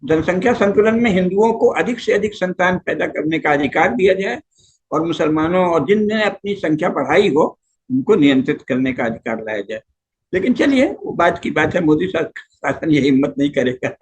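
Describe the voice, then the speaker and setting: A man's voice: a little high, normal speed, rough recording. Emphatic older man lecturing. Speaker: guest scholar. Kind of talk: discussion.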